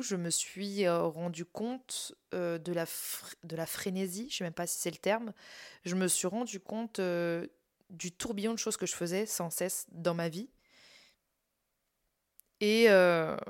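A tired, candid woman with a slightly low voice hosts a casual personal podcast as a content creator, speaking in a monologue. She is self-mocking, laughs through serious points, and uses many fillers and restarts.

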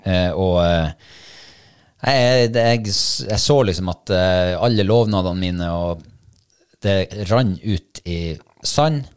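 A man with a very deep voice talks in casual conversation. He speaks slowly and thoughtfully, hesitating often and filling pauses as he recalls things. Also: clean tone. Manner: slow, hesitant and reflective, many fillers. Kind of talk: casual chat.

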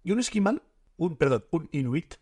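A man's voice: on the high side, very animated, normal speed, darkish tone, husky. A man co-hosting a casual podcast chat, joking around, stammering now and then and acting out silly voices. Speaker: podcast co-host.

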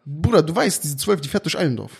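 Heisere, hohe, sehr lebhafte Männerstimme im Straßenslang. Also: male voice, on the high side, fast talker, creaky, breathy edge. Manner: slangy, emphatic, animated storytelling. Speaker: podcast co-host. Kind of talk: casual joking chat with slangy rants.

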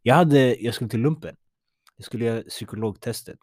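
A man telling a story in casual talk, animated and mixing in English phrases. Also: mid-range voice, dry recording, clean studio sound.

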